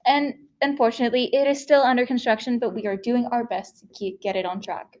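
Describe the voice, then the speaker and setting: A teenage girl with a high voice reads her part of a student presentation aloud. Her delivery is careful and plain, with the odd slip and self-correction. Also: fairly even intonation, fairly quick, darkish tone. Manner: plain, careful reading with small slips. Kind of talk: reading a scripted class presentation.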